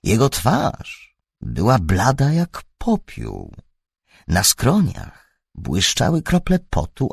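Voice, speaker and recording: A man's voice: low voice, creaky, slightly rough, dry recording, studio quality. A man reading a story as an audiobook narrator. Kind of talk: scripted narration.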